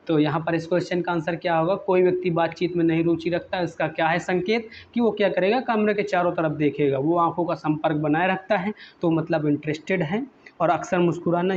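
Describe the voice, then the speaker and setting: A man with a fairly high, slightly mellow and slightly raised voice works through a list of exam questions, reading each English one slowly before explaining it in Hindi. He keeps prompting with repeated questions. The audio is a bit dull and muffled, with a faint hiss.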